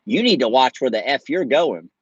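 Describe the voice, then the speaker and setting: A man's voice: medium pitch, expressive, normal speed, husky, no echo. A man voicing an angry elderly woman neighbor who scolds a driver, in a dull, lo-fi recording. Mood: scolding. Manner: scolding, indignant.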